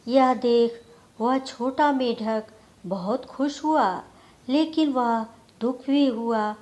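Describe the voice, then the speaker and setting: The narrator of this scripted moral story is a woman whose somewhat high, darkish voice moves through the lines slowly, the way a storyteller would.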